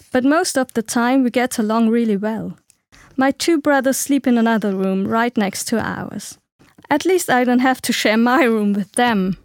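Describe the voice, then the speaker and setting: A young woman from Sri Lanka reads a scripted first-person passage for a listening exercise. Her voice sits fairly high and is recorded dry and close, with no room sound. She reads calmly and at an even pace. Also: dry recording.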